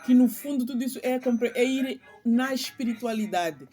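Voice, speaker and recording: A woman's voice: on the high side, moderate pace, mellow. Middle-aged female vlogger, slight lisp, earnest spiritual preaching, music underneath. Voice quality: slight lisp, tongue-tied speech. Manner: earnest, preaching, rhetorical questions. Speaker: channel host. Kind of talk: spiritual commentary vlog, speaking off the cuff.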